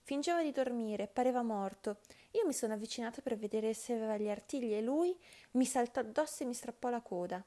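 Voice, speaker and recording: A woman's voice: on the high side, expressive, brisk, few pauses, close to an everyday voice. A woman doing a curious young sparrow. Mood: boastful. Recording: loud background music.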